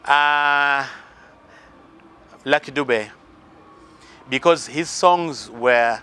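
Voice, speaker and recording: Very slow and sharp-toned, this man's medium-pitched voice comes through clean. A musician from northern Uganda with a Ugandan accent, he answers interview questions earnestly about life advice and his influences, often using fillers and restarting.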